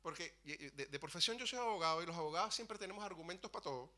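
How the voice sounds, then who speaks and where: A man preaching in a church, recounting his own story earnestly. His voice is fairly high and very bright and ringing, and he often stumbles and restarts mid-phrase. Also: expressive, fast talker. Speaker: preacher sharing testimony. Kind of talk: sermon testimony.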